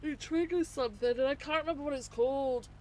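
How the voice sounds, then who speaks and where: A woman's voice: high-pitched, fast, a little mellow. A woman streamer playing a police officer, chatting casually and profanely while musing aloud during role-play. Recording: faint background noise.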